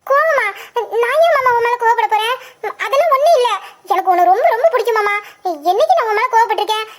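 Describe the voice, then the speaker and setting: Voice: very high voice, fast. A performer voicing a sweet, affectionate young girl in an audio drama, talking earnestly and fondly with light giggles. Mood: tender. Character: sweet affectionate young girl who adores her uncle.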